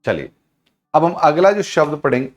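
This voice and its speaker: A man's voice: on the high side, big pitch swings, normal speed. Male grammar teacher running a live online class. Asks, answers and repeats, and voices syllables aloud to demonstrate. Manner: repetitive call-and-response questioning of students; addresses students as friends and reads their chat.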